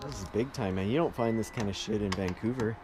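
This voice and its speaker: A man's voice: lowish voice, fast talker. A man in casual joking banter who laughs often and swears freely. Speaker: vlogger. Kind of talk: casual chat. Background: music playing.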